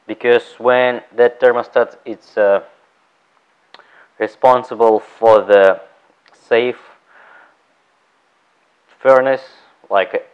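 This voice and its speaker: Slow, halting male furnace instructor. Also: on the low side, smooth, dull audio. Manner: halting, searches for words, frequent restarts. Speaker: HVAC technician instructor. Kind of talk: hands-on technical demonstration. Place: indoor training room beside an open furnace. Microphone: headset mic.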